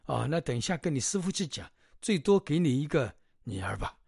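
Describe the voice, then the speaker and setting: A man's voice: on the high side, very animated, moderate pace, creaky, no room sound, clean studio sound, voice pushed up. A man voicing a bossy middle-aged widow and mother of three daughters, who scolds and haggles in exclamations. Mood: indignant.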